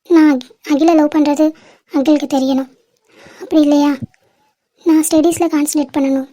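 A woman's voice: sits high, warm tone. A woman as Pinky, a pleading young girl. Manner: pleading, emotional, mixing English words. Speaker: channel creator voicing the lead. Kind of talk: amateur drama acting.

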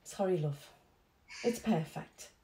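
A woman's voice: on the low side, lively intonation, slow pace, mellow, roomy sound. A middle-aged woman playing a chatty, doting mother in a comedy short, speaking over a video call. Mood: fussing. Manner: chatty, fussing, homely. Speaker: mother of the bride. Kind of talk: comedy short film acting.

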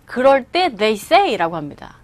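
A woman teaching English through movie lines. She explains each phrase, repeats it slowly and acts out the lines. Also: on the high side, very animated, no echo.

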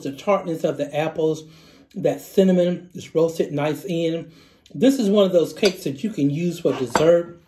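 A mellow voice on the high side belongs to a middle-aged cooking show host demonstrating a recipe in his small home kitchen. He teaches step by step, repeats the key steps, and adds savoring exclamations.

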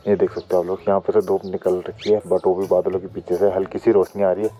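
Talking fast in a low, dark, flat voice, a young man in his 20s from Uttarakhand, India, jokes around with viewers in a casual vlog. He moves between a village house kitchen and a stone courtyard, with music playing beneath his speech.

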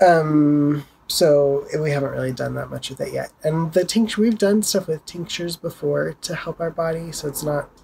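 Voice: medium pitch, gravelly, darkish tone, slight background noise, rough recording. A vlogger giving a casual video update from home, chatting loosely and showing items to the camera. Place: home, indoors.

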